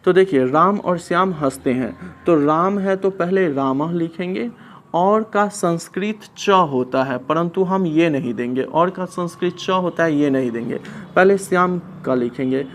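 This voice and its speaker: A man's voice: fairly high pitch, a little hiss or hum. A man teaching a lesson, patiently posing questions and answering them himself. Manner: slow, patient, asks and answers his own questions. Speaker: Sanskrit teacher. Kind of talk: classroom lesson explaining translation.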